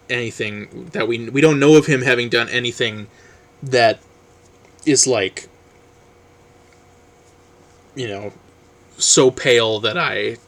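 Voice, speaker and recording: A man vlogging about books in a rambling, casual way, full of ums and trailing off quietly. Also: mid-range voice. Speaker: book vlogger. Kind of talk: casual book review chat, reading blurbs aloud.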